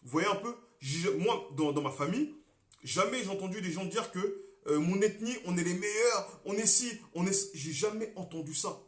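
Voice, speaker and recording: A young Congolese man, a political activist, talking on a live stream with passion, repeating himself and swinging between loud and quiet. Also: sits high, animated, moderate pace, echoey room. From Congo (DRC). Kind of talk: monologue on a Facebook live stream.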